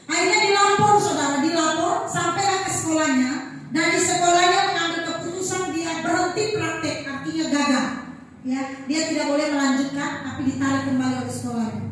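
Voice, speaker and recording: A woman's voice: extremely high pitch, a little fast, a little hiss or hum. A middle-aged woman pastor from Manado, preaching a sermon full of personal stories and often turning to the congregation. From Manado, Indonesia. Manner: animated, keeps addressing the congregation. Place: church hall. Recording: echoey church hall from far off.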